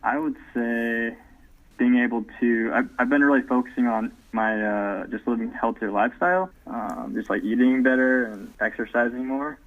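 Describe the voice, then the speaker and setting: A man in his thirties, a guest in a casual interview, talking easygoingly with lots of "um" fillers over low-quality remote call audio. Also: normal speed. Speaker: podcast guest. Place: at home, away from the host. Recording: tinny phone-like remote line.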